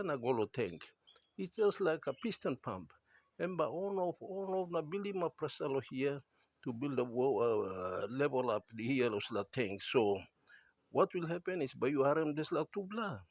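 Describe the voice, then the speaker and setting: A man's voice: mid-range voice, vocal fry, no echo. A man with a Papua New Guinean accent gives an informal technical explanation in Tok Pisin pidgin mixed with English, repeating key words for emphasis.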